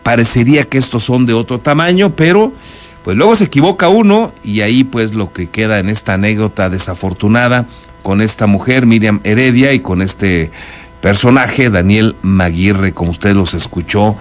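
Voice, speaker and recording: Background music accompanies a man who anchors a news show with a Mexican accent, mixing in commentary alongside the reports. He has a fairly low pitch, a lively intonation and an ordinary speaking pace.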